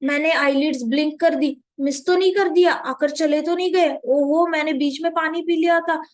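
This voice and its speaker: A woman's voice: high-pitched, fairly even intonation, moderate pace, natural voice. A woman voicing an anxious young village wife who frets in repeated worried questions.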